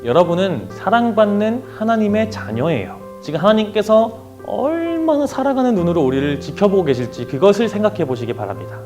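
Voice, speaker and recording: A young man delivers a youth sermon, his fairly high voice swinging up and down with earnest, emotive emphasis. Gentle instrumental music plays faintly behind him. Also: sing-song, fairly quick, few pauses. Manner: earnest, emotive preaching with rising and falling emphasis. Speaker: youth pastor. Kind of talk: sermon and prayer.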